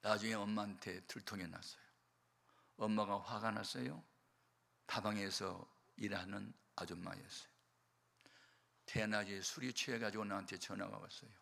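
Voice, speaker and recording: An older male pastor preaching a sermon, telling a story with emphatic swings from quiet to loud. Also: lowish voice, fairly even intonation, normal speed, vocal fry, pauses often. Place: church or prayer hall. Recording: long hall reverb.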